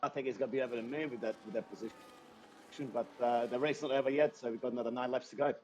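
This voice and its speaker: A man with a Serbian accent co-commentating a sim race in a laid-back, halting way. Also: medium pitch, steady tone, darkish tone, muffled recording, a little hiss or hum. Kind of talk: casual co-commentary.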